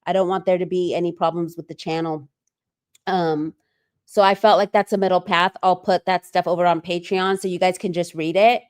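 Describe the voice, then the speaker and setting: A woman's voice: on the low side, steady tone, normal speed, darkish tone, smooth. A woman hosting a casual livestream, chatting loosely and reading viewer comments aloud with frequent ums. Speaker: livestream host.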